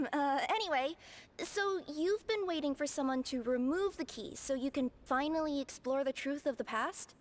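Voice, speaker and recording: A woman's voice: sits high, moderate pace, a little hiss or hum, close to an everyday voice. A woman voicing a small, indignant female cat spirit who talks with sarcasm. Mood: sarcastic.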